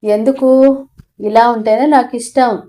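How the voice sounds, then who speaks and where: A daring, carefree village boy talks plainly and bluntly, as a woman narrator reads his part in an audio storybook. The tone is warm and soft, pitched somewhat high. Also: fairly even intonation, a little slow, close to an everyday voice.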